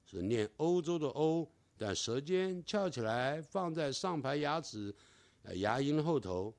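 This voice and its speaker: A man teaching English pronunciation, repeating each word slowly and stretching out its sounds. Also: fairly high pitch, lively intonation, vocal fry, darkish tone. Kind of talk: classroom pronunciation lesson.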